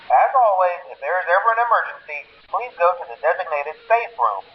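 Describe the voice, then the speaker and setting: This is an employee training caller from a video game, a nervous, cheerful corporate phone trainer at a pizzeria, heard through a telephone filter on a muffled lo-fi phone recording with faint noise. His fairly high voice swings around in pitch and moves fairly quickly. Awkward and matter-of-fact, he stumbles politely into each message before laying out procedures with deadpan composure.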